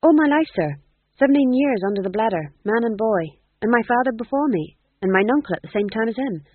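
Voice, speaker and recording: A man's voice: high-pitched, lively intonation, fairly quick, pitched above the performer's own voice. Man doing a jittery young court fool. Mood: nervous. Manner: jittery, eager, stammering. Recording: tinny phone-like audio.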